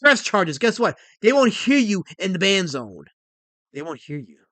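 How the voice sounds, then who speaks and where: A man in his forties hosting a casual livestream, excitable and rambling as he reads chat messages aloud. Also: high-pitched, normal speed, no echo. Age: 40s. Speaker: livestream host.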